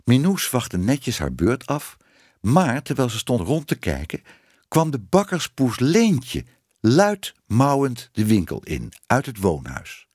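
Male audiobook narrator for children's fiction, animated delivery, dry booth sound. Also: mid-range voice, slow, husky, no room sound. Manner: expressive, varied reading. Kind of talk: scripted narration of a children's book.

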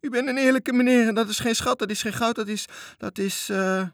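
A man's voice: very high-pitched, animated, moderate pace, a bit bright, no room sound, clean studio sound, pitched above the performer's own voice. A man voicing a timid, frightened little boy in a storybook reading, squealing shrilly. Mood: terrified.

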